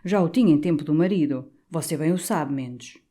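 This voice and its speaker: A woman voicing a portly, jovial older male canon, talking in an animated, confiding, doting way. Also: fairly high pitch, fairly quick, lightly acted.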